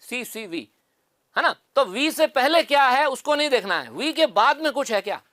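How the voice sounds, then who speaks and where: A man with a fairly high voice teaches an exam-prep lesson. He works through each point step by step and asks the class questions he then answers himself. The recording is dry, with no room sound. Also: sing-song, normal speed, sharp tone, no room sound. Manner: explains step by step, repeats key answers.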